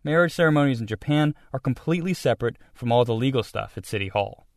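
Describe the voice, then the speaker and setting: A male radio reporter narrating a scripted news feature in a measured storytelling delivery. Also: mid-range voice, lively intonation, no echo, clean studio sound.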